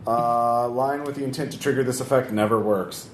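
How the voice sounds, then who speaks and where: A man's voice: mid-range voice, steady tone, moderate pace. A man running a tabletop game as game master, narrating casually with profane, jokey banter. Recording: roomy, noisy tabletop recording.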